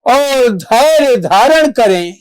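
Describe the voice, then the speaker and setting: Playing a reverent and valiant divine monkey messenger, a stage actor performs a devotional monologue in formal, declamatory diction with dramatic pauses. The voice is medium-pitched, clear and resonant with lively intonation, and there's no room sound.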